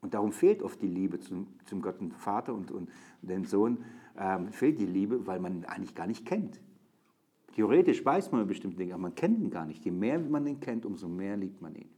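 A man's voice: sits low, expressive, moderate pace, mellow, slightly rough. A man teaching from the Bible to a group, talking informally with many restarts and fillers, then reading and stressing verses with rising intensity. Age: adult with a young daughter. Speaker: preacher.

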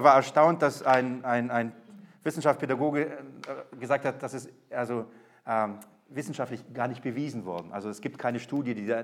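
Male preacher, slightly high voice, emphatic sermon delivery, loud-soft swings. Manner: emphatic, swings from loud to quiet, repetitive rhetorical buildup.

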